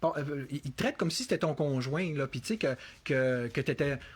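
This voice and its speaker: A man with a Quebec French accent hosts a casual interview. His voice is somewhat husky, and he rambles, circling back with fillers and restarts. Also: on the high side, fairly quick. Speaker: interview host.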